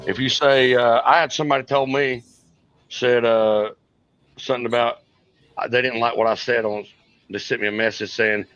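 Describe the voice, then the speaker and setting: A man's voice: medium pitch, fairly even intonation, moderate pace, fairly bright tone, smooth, dry recording, highs cut off. Blunt rambling man. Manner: rambling, blunt, restarts often. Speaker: podcast co-host. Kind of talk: casual chat.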